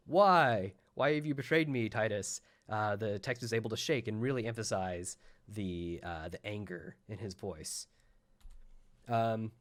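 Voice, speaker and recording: A man giving a recorded conference talk, explaining at length with frequent pauses and "uh" fillers. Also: on the low side. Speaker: conference presenter.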